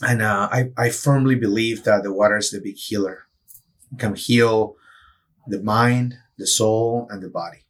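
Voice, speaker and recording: A man's voice: on the low side, fairly even intonation, measured pace. A middle-aged man from Peru, a neurosurgeon guest in an interview, explaining things earnestly with frequent restarts. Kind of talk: interview answers.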